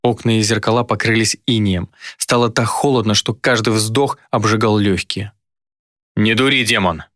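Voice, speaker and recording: A man reading an audiobook in the first person. His voice sits low and sounds dry and close. The delivery is measured and dramatic. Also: level tone, a bit bright, no echo. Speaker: audiobook narrator.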